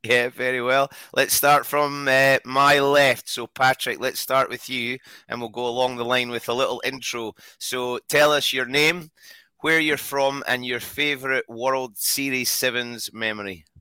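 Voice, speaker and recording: Male podcast host, forceful clean tone, dry close sound, bantering interviewer. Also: medium pitch, flat delivery, measured pace, clean tone, no room sound.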